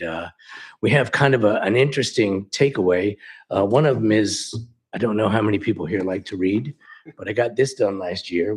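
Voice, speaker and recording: Speaking in a low-leaning, breathy voice, the man who runs a local music shop gives a storytelling presentation to a council meeting. He shares chatty anecdotes and performs the lines of dialogue he quotes.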